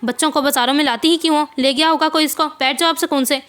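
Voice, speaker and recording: A woman's voice: high-pitched, fairly even intonation, quick pace, fairly bright tone, pitched above the performer's own voice. A woman voicing a rude, impatient man in a market who brushes off a desperate mother. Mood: irritated. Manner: brusque, dismissive. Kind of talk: novel reading.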